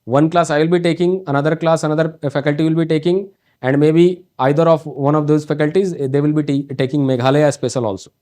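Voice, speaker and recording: A North Indian man, a coaching teacher, lectures on exam topics in accented English. His voice sits a bit high for a man, and he talks in a halting way, full of fillers and restarts. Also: fairly even intonation, darkish tone. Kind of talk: online exam prep lecture.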